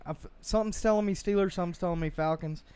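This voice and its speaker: A man's voice: high voice, rapid-fire, clear, resonant tone. A man hosting a casual sports podcast, joking and running through weekly picks. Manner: animated, joking, leads the picks. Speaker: podcast host.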